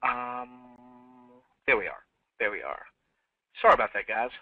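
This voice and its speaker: A man's voice: medium pitch, animated, measured pace. Upbeat man on a tinny webinar line. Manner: upbeat, repeats himself, many fillers. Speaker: webinar host. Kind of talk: live team webinar, welcoming callers. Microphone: headset. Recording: dry, tinny phone-like line.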